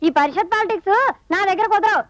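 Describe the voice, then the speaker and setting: A woman's voice: extremely high pitch, fast talker, no echo. An actress playing a dramatic young woman who loves stage acting and insists on her lines, in a comic film scene. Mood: indignant.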